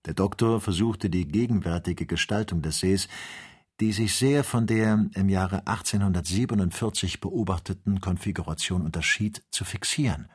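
A man narrating an audiobook in an even, descriptive storytelling manner. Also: low-pitched, normal speed, breathy edge. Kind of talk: scripted narration.

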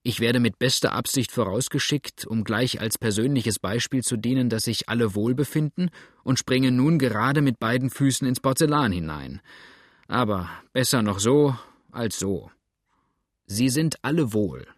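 A man voicing a gruff, flustered old backwoods farmer who grumbles and blurts things out. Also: mid-range voice, lively intonation, normal speed, no room sound, studio quality, lightly acted. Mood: flustered grumbling. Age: older. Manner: grumbling, rattled, loud outbursts.

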